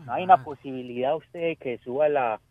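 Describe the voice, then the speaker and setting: A man's voice: mid-range voice, a little fast, dry recording. Male caller on a dull phone line. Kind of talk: casual call-in chat and joke telling.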